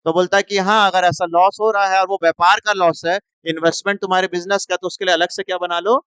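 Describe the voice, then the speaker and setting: A man's voice: high-pitched, flat delivery, fast, fairly bright tone, smooth, dry recording. A man teaching commerce in a lecture, firing questions at the class and answering them himself.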